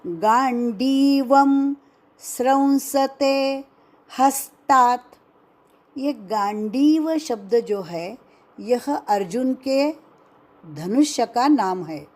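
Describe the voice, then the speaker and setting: A woman's voice: on the high side, animated, takes it slowly, warm tone. A woman teaching the pronunciation of a Sanskrit verse, breaking each word into syllables and repeating them one at a time. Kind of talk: slow pronunciation lesson.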